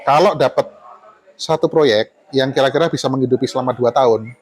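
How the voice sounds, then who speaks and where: Relaxed man in his forties, chatty. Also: medium pitch, brisk, husky. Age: 40s. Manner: relaxed, laughs often, mixes in Javanese phrases. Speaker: architect guest. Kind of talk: casual storytelling conversation.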